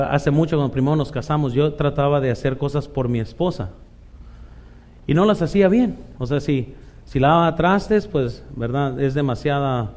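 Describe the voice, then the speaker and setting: A middle-aged Mexican pastor delivers a chatty sermon. His voice sits a little high for a man but sounds dark and mellow. He keeps checking in with his listeners. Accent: Mexican Spanish. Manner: conversational preaching, frequent "¿verdad?" asides, acts out quoted voices.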